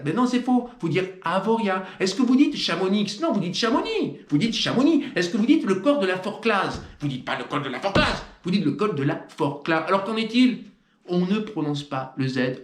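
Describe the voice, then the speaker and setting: Teasing French man in an echoey room. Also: fairly high pitch. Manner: mock-solemn and teasing, theatrical emphasis. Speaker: trail running video host. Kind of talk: playful scripted commentary.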